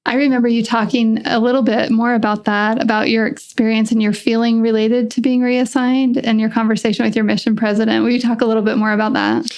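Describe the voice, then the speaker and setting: A woman co-hosting a podcast, gently prompting the guest to say more. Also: fairly high pitch, little pitch movement, fast, few pauses. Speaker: podcast co-host. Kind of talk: casual interview chat.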